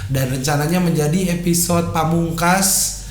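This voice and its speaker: Young male podcast host, Sundanese accent, fairly high voice, slangy banter, roomy recording. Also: fairly even intonation, unhurried. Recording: roomy echo, faint background noise.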